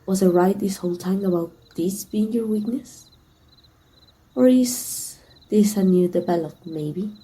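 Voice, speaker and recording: In a teasing, probing mood, she voices a tender villainess for intimate ASMR roleplay, breathy and soft with occasional whispers. The Mexican performer keeps a medium pitch and an unhurried pace, acting it lightly over a rough recording.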